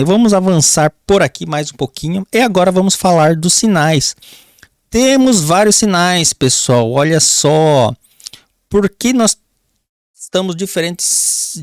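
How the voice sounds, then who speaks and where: A man with a Brazilian accent teaching a grammar lesson for an exam, often calling the class "pessoal" and drawing out key words slowly while he writes on a board. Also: fairly high pitch, dry recording, clean studio sound. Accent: Brazilian Portuguese. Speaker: Portuguese teacher.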